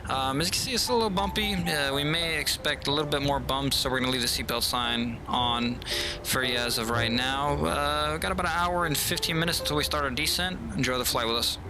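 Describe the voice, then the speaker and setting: A man giving a captain's cabin announcement from the flight deck in a relaxed, filler-heavy PA cadence. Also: mid-range voice, a little fast, over music, low-quality recording. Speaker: flight sim streamer playing airline captain. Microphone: headset.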